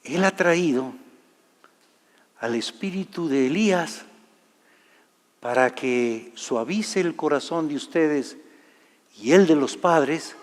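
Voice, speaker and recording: A man preaching a sermon, telling a personal story and swinging from loud to hushed delivery. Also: on the high side, animated, slow, pauses often. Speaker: pastor. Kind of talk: sermon testimony. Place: large church hall. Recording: live church hall reverb.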